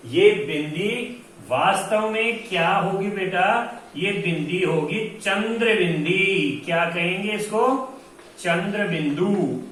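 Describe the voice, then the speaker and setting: Guy teaching kids grammar, makes them repeat words, kinda high voice, super echoey room, a bit far off the mic. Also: fairly bright tone, a little hiss or hum. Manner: drills pronunciation, asks children to repeat words. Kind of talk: classroom-style lesson for children.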